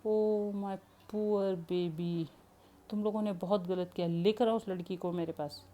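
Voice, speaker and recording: A woman's voice: on the low side, steady tone, fairly quick, dark tone, lightly acted. A woman doing a doting, cooing grandmother. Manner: cooing, comforting. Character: doting kindly grandmother, affectionate, soothing.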